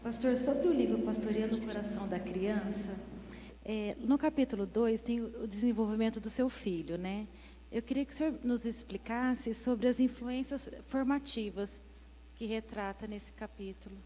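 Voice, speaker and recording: A woman's voice: on the high side, normal speed, mellow. Woman asking a question in an echoing hall. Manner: polite and hesitant. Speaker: audience member asking a question. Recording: echoey church hall with clear hum.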